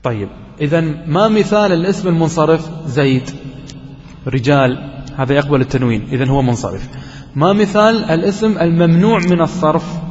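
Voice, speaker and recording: A man teaching a grammar lesson, explaining slowly and putting questions to the class that he then answers himself. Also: a little high, a little mellow. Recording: dull recording with long hall reverb.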